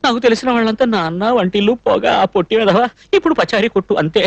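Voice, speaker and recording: An actor playing a naive, shy young male cook in a dubbed film, talking fast and fussily with sing-song jumps in pitch. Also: no echo, highs cut off. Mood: earnest. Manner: rapid, lively, fussy talk with high sing-song pitch jumps.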